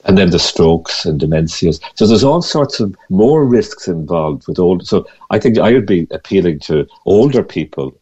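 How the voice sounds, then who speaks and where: A man's voice: low voice, expressive, moderate pace, hardly any pauses, mellow, husky, highs cut off. A man over sixty-five with a west of Ireland accent, talking conversationally as an interview guest, often hesitating and repeating words as he explains. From Galway, west of Ireland. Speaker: radio interview guest, mindfulness teacher.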